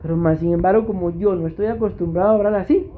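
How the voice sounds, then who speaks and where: Preaching fast in a high voice with a dark tone, a man from Costa Rica, speaking with a Costa Rican accent, delivers a sermon as pastor and repeatedly addresses his congregation.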